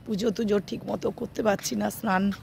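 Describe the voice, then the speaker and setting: A middle-aged woman with a hoarse voice from a cold, chatting softly and slowly with her viewers in a casual vlog, with many fillers. She talks into a handheld phone on a rooftop in the morning. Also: mid-range voice, steady tone, a little hiss or hum. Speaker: vlogger.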